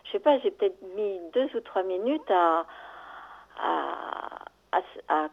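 An older woman calling a radio show, recounting a dream in a halting, shaken way, searching for her words. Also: medium pitch, expressive, gravelly. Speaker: radio caller. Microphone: telephone. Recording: tinny phone line.

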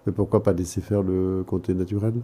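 A man with a very dark, mellow timbre and a fairly low pitch. He speaks like an analyst in session, measured, questioning and interpretive. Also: level tone. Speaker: psychoanalyst interviewing a caller. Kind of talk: probing therapeutic conversation.

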